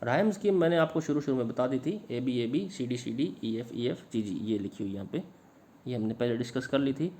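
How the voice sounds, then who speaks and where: A man who teaches English literature, explaining a sonnet in Hindi to students and reading English lines slowly. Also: mid-range voice, animated, mellow, slight background noise. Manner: explains in Hindi, slow English phrases read aloud; addresses students directly. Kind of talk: Hindi lecture on an English poem.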